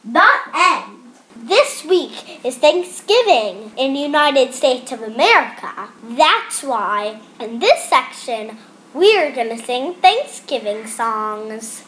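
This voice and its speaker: A woman's voice: high voice, slow pace, roomy sound, a little hiss or hum. Young woman reading a storybook aloud. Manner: lively read-aloud with character voices. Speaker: podcast storyteller. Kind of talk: storybook narration.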